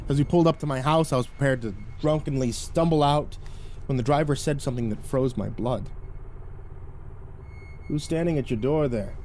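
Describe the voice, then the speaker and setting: A man's voice: mid-range voice, darkish tone, a little hiss or hum. A man narrating a first-person horror story in a tense voice, stumbling now and then over nervous stammers.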